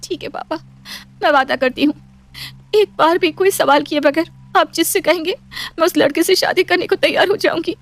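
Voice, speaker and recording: A woman voicing a lovestruck, headstrong young daughter in an animated storybook, pleading and emotional. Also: extremely high pitch, a little fast, faint music behind. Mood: resigned.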